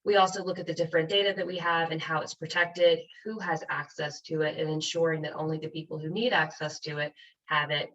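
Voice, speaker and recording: Woman, low voice, American accent, measured informative webinar talk, distant dull audio. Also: level tone, fairly bright tone. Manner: measured, informative, with frequent ums. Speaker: county clerk. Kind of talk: webinar presentation. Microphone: video call.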